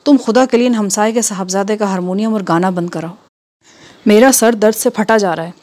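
A woman's voice: medium pitch, natural voice. A woman reading the part of an irritable, ailing husband who grumbles and snaps sharply. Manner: grumbling, sharp-tongued, fussy. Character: ailing irritable middle-aged husband, Mian.

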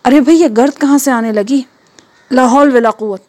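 A woman speaking in a natural voice pushed high reads the part of Mian, an ailing, irritable middle-aged husband who grumbles, fusses and snaps sharply.

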